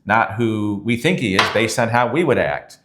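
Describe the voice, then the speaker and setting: A man's voice: fairly low pitch, moderate pace, background noise. A man who is a pastor, teaching a sermon in an earnest, conversational way and reading scripture aloud.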